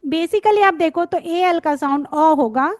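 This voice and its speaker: A woman's voice: extremely high pitch, measured pace, no room sound. A woman teaching phonics, patiently sounding out letters and words and checking in with her students. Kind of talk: spoken lesson, sounding out words.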